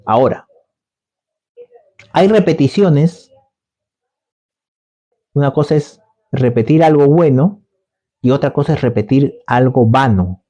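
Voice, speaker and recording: Mellow-voiced man preaching a sermon. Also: medium pitch, animated, slow pace, long pauses. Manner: conversational, repetitive phrasing with rhetorical questions.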